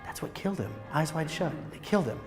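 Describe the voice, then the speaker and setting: A man's voice: fairly high pitch, lively intonation, fast, big-room sound, faint music behind. A man from Michigan with an American accent, giving a casual, joking talk on filmmaking to a live audience. He speaks animatedly, swears freely and often restarts his sentences. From Michigan, USA. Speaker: film director giving a talk. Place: hot lecture room with an audience.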